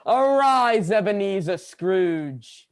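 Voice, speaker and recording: A jolly giant spirit of Christmas, played by a woman, speaking with big swoops of pitch. The delivery is commanding and theatrical, in the manner of a radio play. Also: lively intonation, slow. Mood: booming, commanding. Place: student performer on a video call.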